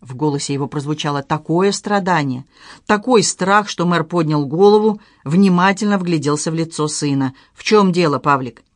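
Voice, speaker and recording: An audiobook narrator reading a tense family drama aloud with expressive storytelling. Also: mid-range voice, moderate pace, no echo, clean studio sound.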